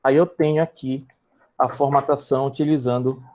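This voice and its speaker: In a steady, darkish, medium-pitched voice, a Brazilian programming instructor teaches online at a moderate pace. His live coding lesson moves step by step with frequent check-ins with students, and his typing leads him to repeat and restart words.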